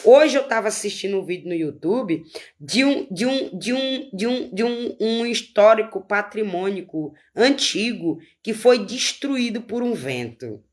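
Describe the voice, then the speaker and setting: A woman's voice: mid-range voice, lively intonation, measured pace. A woman preaching an informal sermon, fervent and repeating her phrases for emphasis.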